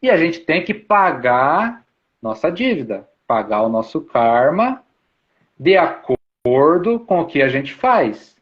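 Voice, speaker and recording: A man with a fairly high voice gives an informal spiritual talk, explaining his ideas patiently and circling back to repeat them. He keeps checking in with little tag questions. The recording is dull and lo-fi. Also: big pitch swings, slow. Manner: repetitive, explanatory, uses many tag questions. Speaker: spiritual speaker. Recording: dull lo-fi sound.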